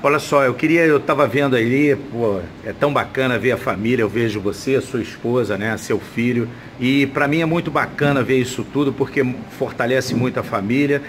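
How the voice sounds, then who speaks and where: A Brazilian man speaks at a medium pitch, briskly and with few pauses, putting questions to someone like a casual interviewer. Noticeable background noise sits behind him in the recording.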